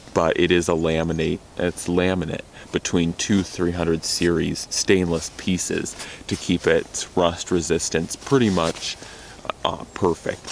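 A man's voice: low voice, creaky, slight background noise. A young American man reviewing knives outdoors in the snow in a rambling, enthusiastic way that often corrects itself. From United States. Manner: rambling, self-correcting, enthusiastic about gear. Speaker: knife reviewer. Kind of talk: casual gear review.

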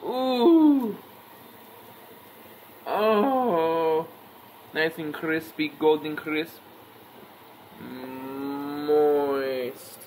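In his home kitchen, a young man hosts a joking cooking tutorial, chatting offhand and playfully to a wide-angle camera sitting on the counter while he works. His voice is a little high and a little mellow, and he speaks very slowly with long pauses. The camera mic gives a rough recording with a little hiss or hum.

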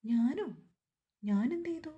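A woman's voice: high voice, lively intonation, measured pace, dark tone, muffled recording, voice pushed up. A woman voicing a middle-aged mother who coaxes and scolds her grown son in a family story. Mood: coaxing. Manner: coaxing, scolding.

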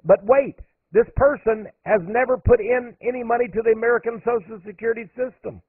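Brisk and emphatic, this male radio host speaks in a very high voice with a breathy edge, his pitch jumping sharply on stressed points during his monologue. The recording is dry, with a narrow, phone-like radio sound.

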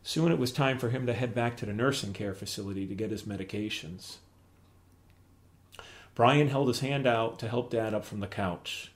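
A middle-aged man reading aloud from his own memoir in a plain, measured storytelling way. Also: medium pitch.

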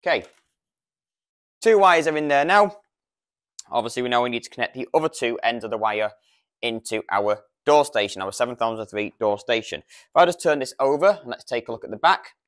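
With a medium-pitched, fairly bright voice, a British man in his thirties talks briskly and expressively. He's giving a step-by-step product demo that's informal and explanatory, recorded on a lapel microphone.

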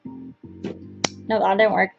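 A woman's voice: mid-range voice, little pitch movement, very slow, vocal fry, music in the background. A young woman doing casual let's play commentary as the host, playfully self-deprecating, exclaiming and muttering as she plays. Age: young adult. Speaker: gamer host. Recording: slightly dull sound.

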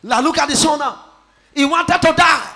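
A man preaching as a pastor, questioning a witness and calling out to the congregation with emphatic, shouted lines. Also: very high voice, moderate pace, gravelly. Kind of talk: preaching with call-and-response. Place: church hall with congregation. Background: music and loud congregation.

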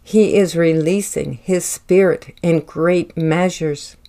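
A woman speaks a prophetic word with a low-pitched voice. Her delivery is slow, measured and solemn, as if every phrase carries weight. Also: fairly even intonation, warm tone.

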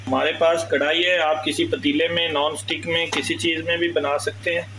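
A man's voice: a little high, flat delivery, normal speed, noisy background. A man hosts a cooking channel and explains a recipe step by step. He speaks to his viewers as friends. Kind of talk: cooking tutorial. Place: home kitchen.

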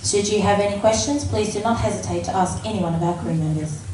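A woman's voice: medium pitch, fast. Woman giving a mock captain's cabin announcement. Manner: formal, scripted announcement reading. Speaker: mock airline captain at a student event. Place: large hall at a live event. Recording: echoey hall PA, far off, noisy.

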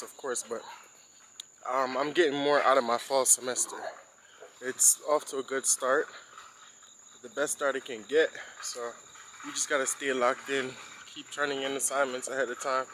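A young man talks in a relaxed, loose way while he walks across campus, with his phone held out in front of him. His voice sits at an ordinary middle pitch. A faint hum of outdoor air runs behind him. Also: moderate pace, long pauses, poor audio. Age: young adult. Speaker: college student vlogger. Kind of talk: casual walking vlog.

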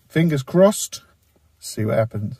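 A man, casually presenting a fishing vlog in a relaxed way with plenty of fillers. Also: mid-range voice, slow. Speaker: fishing vlogger. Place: inside a parked car, then outdoors on seaside rocks.

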